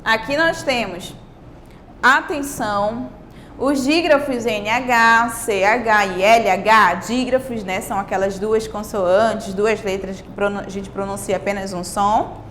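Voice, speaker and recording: A woman's voice: medium pitch, steady tone, unhurried, a bit bright, a little hiss or hum. A Brazilian woman teaching a grammar video lesson to young children, patiently drawing out example words and checking in with "né?" and "tá?". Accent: Brazilian Portuguese. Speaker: primary school teacher.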